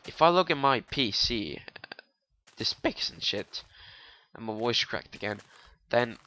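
Commenting on his gameplay, this young gaming YouTuber speaks English with a non-native accent in a medium-pitched, bright, forceful tone. He rambles, swears casually, and cracks jokes for viewers.

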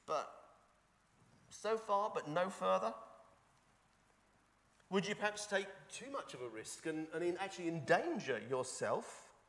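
A pastor with a high voice and fairly bright tone preaches a sermon into a fixed microphone in a church. He talks conversationally, using rhetorical questions and repetition, and the hall's sound is reverberant.

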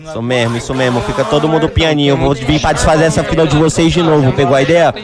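Fast, high-voiced taunting man. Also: fairly even intonation. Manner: aggressive, taunting, repetitive insults. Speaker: roleplay gang member. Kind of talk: heated in-character roleplay trash talk. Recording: game voice chat with crowd noise. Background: crowd of other players talking.

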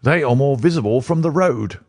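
A man's voice: mid-range voice, expressive, brisk, a little mellow, no echo, clean studio sound, voice pushed up. A man voicing a plump, cheerful young man who speaks heartily and coaxingly.

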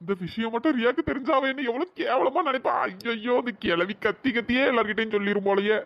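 A man's voice: very high-pitched, fast, lo-fi sound. A man voicing a flustered, mischievous young husband in a cartoon, pleading and muttering to himself. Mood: panicked.

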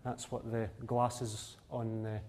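Slowly and in a level, darkish mid-range voice, a matter-of-fact distillery owner in his thirties explains his operation on a tour through the still house and cask warehouse. He keeps it plain, with frequent "uh", against slight background noise.

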